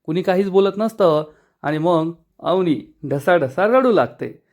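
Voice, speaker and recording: High-voiced man retelling a serial. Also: lively intonation, unhurried, a little mellow. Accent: Marathi. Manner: storytelling, reading out dialogue of the characters. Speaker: episode review narrator.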